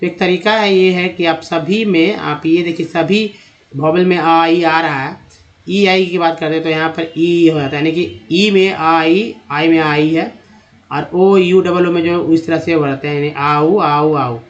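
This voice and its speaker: Male phonics tutor, slightly high voice, patient drawn-out sounding-out of words, chatty toward viewers. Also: fairly even intonation, lo-fi sound. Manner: repeats vowel sounds and addresses viewers as friends. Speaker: English teacher. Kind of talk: Hindi-language phonics lesson.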